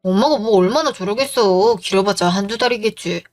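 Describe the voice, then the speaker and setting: A woman's voice: mid-range voice, brisk, soft background music, close to an everyday voice. Woman doing an irritated defensive husband.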